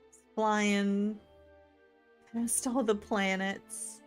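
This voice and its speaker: A woman streamer giving excitable, gushing let's-play commentary, full of "like" fillers. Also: medium pitch, drawn-out words, soft background music. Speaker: gaming streamer.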